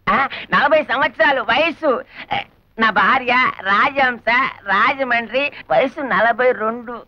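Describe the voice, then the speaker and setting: A gruff, jealous Malayali husband in his forties who suspects everyone. His voice runs high and his phrasing comes out oddly. The dry, dull sound is that of an old comedy film. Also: slow pace, no room sound. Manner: gruff and suspicious, with odd word choices.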